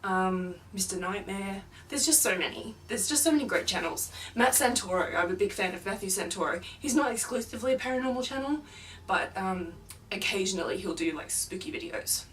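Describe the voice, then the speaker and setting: Talking a little fast with an animated, slightly bright medium-pitched voice, a young paranormal YouTuber rambles through a casual home vlog, using plenty of fillers. The distant mic catches faint noise, including a film playing in another room.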